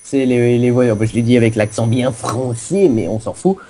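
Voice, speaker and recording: A man's voice: medium pitch, moderate pace, dark tone, soft background music. A man co-hosting a casual gameplay video, explaining a game server in a rambling, self-mocking way. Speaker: co-host giving a game server tour.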